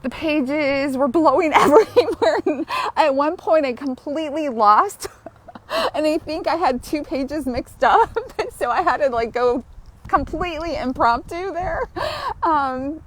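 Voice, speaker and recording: Walking outdoors, a woman with a high, unhurried voice hosts a live-streamed grief healing session. She talks in a heartfelt, chatty way and often breaks into laughter.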